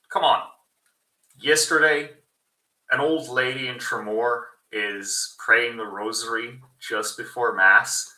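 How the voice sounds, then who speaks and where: A man hosting a casual livestream. He rambles and swears often, and his voice comes through thin and tinny with no bass from the wrong built-in computer microphone. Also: pushed and bright, roomy sound, distant mic. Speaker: livestream host. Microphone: built-in PC microphone picked by default.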